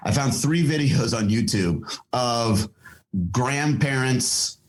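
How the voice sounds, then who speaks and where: A man's voice: mid-range voice, slow, poor audio. A middle-aged man, a guest on a podcast, talking casually and thoughtfully with lots of fillers and restarts. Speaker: podcast guest, fitness company founder. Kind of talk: casual interview talk.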